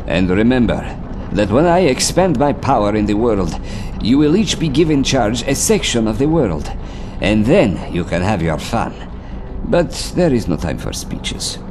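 Man playing a sinister colonel, wildly swooping low voice. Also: background noise. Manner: menacing, mock-courteous, grandiose. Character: sinister, ruthless male KGB colonel, gaunt tyrant. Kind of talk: dramatized audiobook acting.

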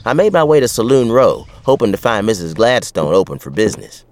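A tough western sheriff telling his own tale with dry wit and an American West accent. His lowish voice moves up and down with great animation, and his talk is folksy and plain. There is slight noise on the recording. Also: big pitch swings, fairly quick. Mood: wry, reflective. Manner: folksy, colloquial. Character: wry, tough male frontier sheriff. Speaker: narrator and lead character. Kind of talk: dramatized first-person western storytelling.

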